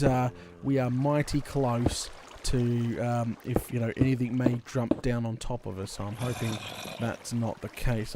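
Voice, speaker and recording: An Australian man with a mid-range voice hosts a casual Let's Play video, rambling and thinking out loud in colloquial speech with some mild swearing. Background noise is clearly audible, including game clicks and water.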